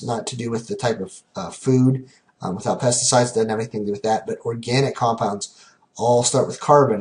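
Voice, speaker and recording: A man teaching a recorded chemistry lesson in a relaxed way, counting aloud slowly and often checking in with "okay?". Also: mid-range voice.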